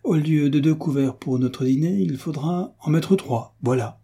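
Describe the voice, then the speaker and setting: A bold young soldier, read by a man in a storybook, lively and teasing. He is resolute and playful, with a dark, mellow, husky sound. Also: mid-range voice, normal speed, natural voice. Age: young adult.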